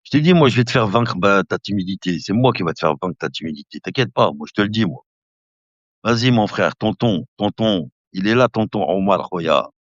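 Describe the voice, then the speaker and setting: On a live stream, a man in his late fifties chats casually and fairly quickly, calling viewers brother, laughing often and rambling in a relaxed way. His voice is very low. The dull, lo-fi audio is dry and close, with no echo or room around it.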